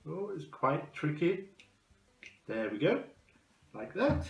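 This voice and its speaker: A man's voice: fairly high pitch, big pitch swings, takes it slowly. A man presenting a children's craft demonstration, explaining it step by step. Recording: echoey room with music.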